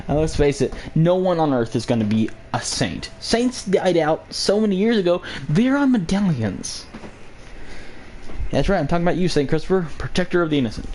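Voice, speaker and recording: A man's voice: fairly high pitch, darkish tone, slight background noise. A young man hosting his own vlog, rambling through a sarcastic political rant full of jokey asides. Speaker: vlog host.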